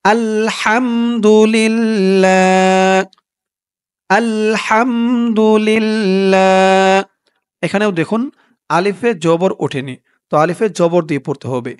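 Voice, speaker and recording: Higher-voiced guy teaching a recitation lesson, slow and patient, goes letter by letter, dry close mic. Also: expressive, no echo. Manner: chants the recited words slowly and drawn out. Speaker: religious teacher.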